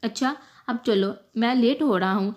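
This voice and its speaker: A woman voicing an impatient, hurried older brother in a storybook reading. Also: on the high side, darkish tone, natural voice.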